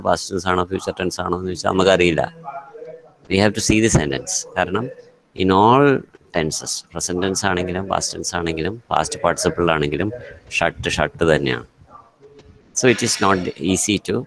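Deep-voiced and Malayali-accented, this man runs an online English grammar class, mixing Malayalam with English and addressing students by name.

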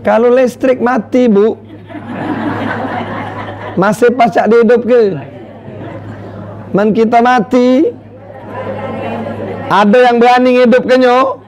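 Lively man preaching with a Palembang accent. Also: slow, pauses often, lo-fi sound, a faint crowd. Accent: Palembang Malay. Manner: lively, swings from loud calls to low quiet lines. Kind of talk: sermon.

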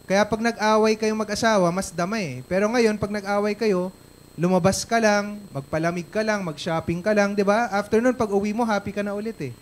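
A man's voice: high voice, a little fast. A Filipino man, a guest speaker at a company event, telling a personal story on stage in a chatty way, ending lines with tag questions.

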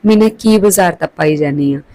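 A woman's voice: on the low side, moderate pace, dark tone, natural voice. Woman reading as a worried young husband, questioning, storybook narration.

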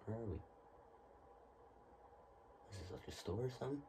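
A man's voice: lowish voice, big pitch swings, normal speed, far from the mic, background noise. A man streaming a horror game, nervously commenting and talking back to the screen as he plays. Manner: jumpy, nervous, talks to the game, dares it to scare him. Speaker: gaming streamer.

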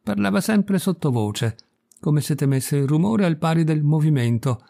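A man narrating a short story in a lively, expressive reading voice. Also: a little high, normal speed, vocal fry.

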